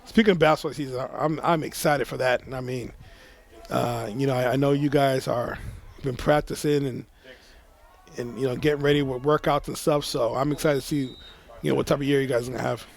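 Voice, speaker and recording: A man giving chatty color commentary on a high school football game, full of "you know" and "I mean". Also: steady tone, a little fast, vocal fry.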